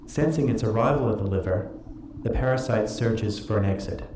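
A man giving measured, scripted documentary narration, heard played back in a hall. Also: fairly low pitch, background noise. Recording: roomy playback through hall speakers.

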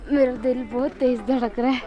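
A young adult travel vlogger from Pakistan chats upbeat to a close-held handheld camera while hiking a forest trail, at times out of breath. Her voice sits high and steady at a moderate pace, and the muffled recording carries a crowd in the background.

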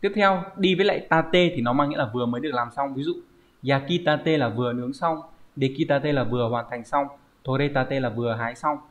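A man's voice: mid-range voice, fairly quick. A man teaching a Japanese vocabulary lesson online, explaining step by step and often checking with "right?". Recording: dull lo-fi recording.

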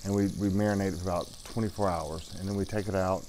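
A middle-aged man, an executive chef, talking through a dish while cooking at a studio stove, casual and halting with lots of ums. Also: low voice, fairly even intonation, background noise. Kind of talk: cooking demo interview.

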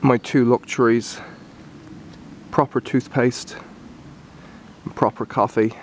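A man giving a relaxed, explanatory walkthrough of his camp on a wooded hillside, recorded on a handheld camera. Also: medium pitch, slow, a little hiss or hum. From Ireland. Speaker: bushcraft instructor. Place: hillside woodland outdoors.

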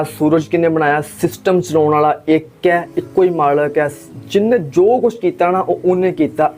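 A religious speaker delivers an impassioned talk in a fairly high male voice, pressing his audience with rhetorical questions and repeated phrases. He comes from Pakistan. Soft music plays faintly underneath. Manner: rhetorical questions and emphatic repetition.

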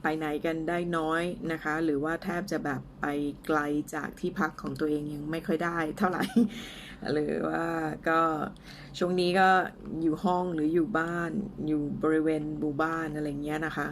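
A Thai woman teaching English in a casual lesson, speaking slowly and carefully as she drills pronunciation, with a few fillers. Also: low voice, little pitch movement, a little hiss or hum.

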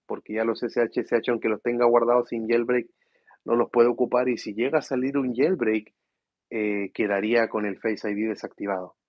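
Guy, 30s, worn out, talking quiet at home so the kids stay asleep, kinda breathy and muffled, no room echo. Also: medium pitch, fairly even intonation, moderate pace. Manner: speaks softly to avoid waking his children. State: tired. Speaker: host of a tech livestream. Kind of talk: casual live chat reading viewer questions.

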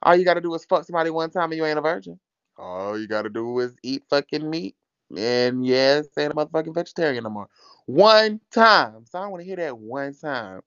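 A man's voice: on the high side, expressive, fast talker, clean tone, dry recording, muffled recording. A man from Mississippi, hosting a livestream with crude, teasing, swear-heavy banter. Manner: brash, teasing, swears a lot. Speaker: livestream host.

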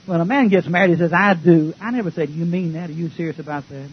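A preacher delivers a fiery, folksy sermon in a high, husky voice, trading jokes with the church and swinging from shouts to hushed asides. The old recording sounds dull and muffled. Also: male voice, fast. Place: church before a congregation.

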